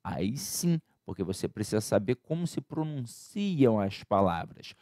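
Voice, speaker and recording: A man's voice: on the low side, sing-song, a little slow, warm tone, dry recording. Male teacher, casual exam-prep lecture, chatty and informal, dry close sound. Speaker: Portuguese grammar teacher.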